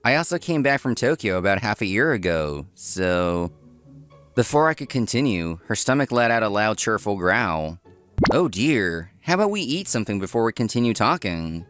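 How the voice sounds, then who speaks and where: Lively male narrator of a comic story. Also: on the low side, moderate pace, faint music behind. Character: dry, workaholic young male restaurant owner. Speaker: narrator and lead character of a comic dub. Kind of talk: scripted first-person narration with acted dialogue.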